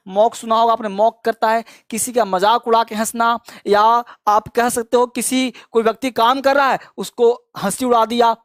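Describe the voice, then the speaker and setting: A man teaching an English lesson, drilling word lists at a brisk clip and calling his students kids. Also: very high-pitched, dry recording, studio quality. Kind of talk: spoken grammar lesson.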